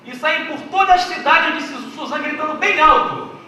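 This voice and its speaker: A man's voice: extremely high pitch, moderate pace, sharp tone, a little hiss or hum, pitched above the performer's own voice, full character voice. A man voicing a boastful, scheming royal official, heard from a distance in an echoey hall. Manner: swaggering, then deflated.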